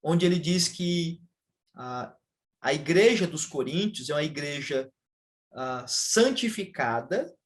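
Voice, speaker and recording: Um pastor brasileiro explica teologia em uma conversa, de modo pausado e didático, com muitos "ah" de hesitação. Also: male voice, fairly high pitch. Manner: measured, explanatory, with frequent "ah" fillers. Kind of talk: casual theological conversation.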